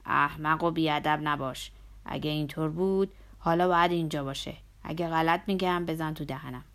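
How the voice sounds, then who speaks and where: A brash, good-humored madam with a deep, low voice, talking in a loud, blunt and scolding way, as a woman reader puts her on. She sounds like a storybook character read aloud.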